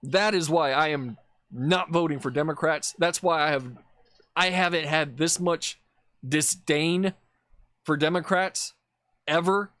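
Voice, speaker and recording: A man's voice: a little high, unhurried, a bit bright, dry recording, studio quality. A man giving casual commentary over video clips, blunt and profane, ranting with exasperation. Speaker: political commentator.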